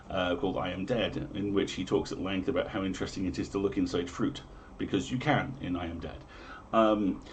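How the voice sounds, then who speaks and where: There's a little hiss or hum on the recording of this low-pitched, slightly mellow male voice. As a livestream host, he theatrically reads a comic in mock-medieval English before drifting into casual chat.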